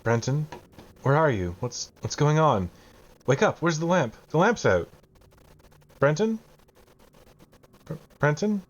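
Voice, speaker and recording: A man voicing a frightened small child who calls out frantically in the dark. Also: on the high side, big pitch swings, slow, pauses often, muffled recording, pitched above the performer's own voice.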